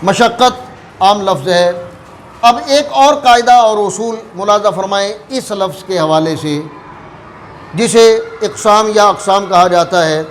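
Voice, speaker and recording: A man teaching word pronunciation in a careful, deliberate way, repeating key words for emphasis. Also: high-pitched, a little hiss or hum. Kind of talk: explanatory lesson.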